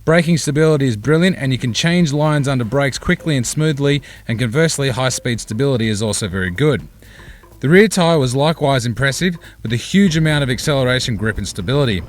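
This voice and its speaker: Male voice-over narrator for a tyre review, mid-pitched, measured and technical. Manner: measured, technical, steady reading.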